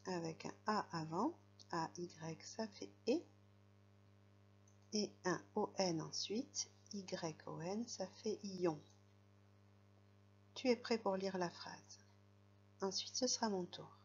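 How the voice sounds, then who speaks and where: Lady teacher doing a reading lesson for a little kid, really slow and patient, kinda lo-fi sound. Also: on the low side, a little mellow, a little hiss or hum. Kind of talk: reading lesson for a young child.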